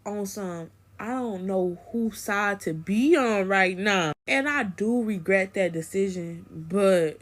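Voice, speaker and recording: A woman's voice: medium pitch, slow, hardly any pauses. A young woman telling a casual storytime, animatedly acting out the people she quotes. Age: young adult. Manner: animated, acts out quoted voices.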